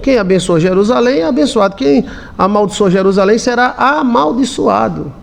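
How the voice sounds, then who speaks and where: Brazilian pastor preaching, blunt everyday talk, keeps asking if you get it, raspy voice. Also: male voice, very high-pitched, animated, normal speed. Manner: blunt and colloquial, asks the listeners questions. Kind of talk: sermon.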